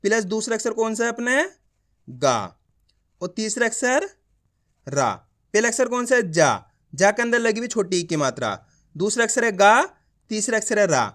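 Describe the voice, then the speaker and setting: A man teaches a reading lesson. He sounds out each letter slowly and keeps asking if learners follow along. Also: sits high, sing-song, a bit bright. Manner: slow syllable-by-syllable drilling, asks learners to repeat along; often asks whether it is clear. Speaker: Hindi teacher.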